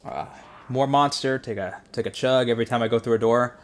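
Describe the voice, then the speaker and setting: Streaming a video game, this man chats loosely with his viewers, rambling, joking and swearing as he goes. His medium-pitched voice runs slightly quick, in the manner of casual live-stream commentary.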